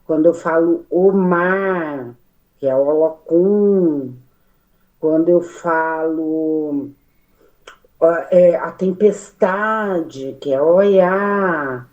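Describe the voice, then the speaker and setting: A Brazilian woman speaking at a study meeting, animated and full of restarts and fillers. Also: low-pitched, very slow, lo-fi sound. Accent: Brazilian Portuguese. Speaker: study group participant. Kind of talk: spoken reflection in a study meeting.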